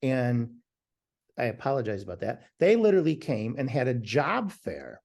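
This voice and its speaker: Joining a podcast interview over a remote call, a man speaks loudly and passionately, with emphasis and the odd restarted sentence. His medium-pitched voice is very animated and moves at a normal speed.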